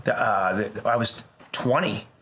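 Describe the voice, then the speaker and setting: A man's voice: lowish voice, unhurried, fairly bright tone. A man in his fifties from Long Island, a comedian guest talking loosely and rambling through memories. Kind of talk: casual interview chat.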